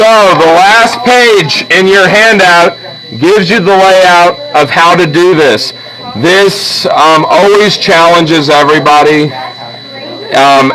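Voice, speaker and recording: Teaching drawing with students present, the man walks through each step patiently, frequently asking "okay?" or "all right?". His voice sits high, bright and forceful, and the recording is rough.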